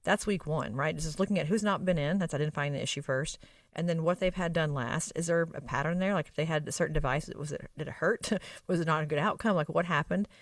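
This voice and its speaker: A woman's voice: sits low, quick pace, no room sound, clean studio sound, recorded from a distance. A woman with an Arkansas Southern accent explains things emphatically in a conversational expert interview, often checking in with short tag questions. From Arkansas, United States. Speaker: guest expert on medical spa practice operations.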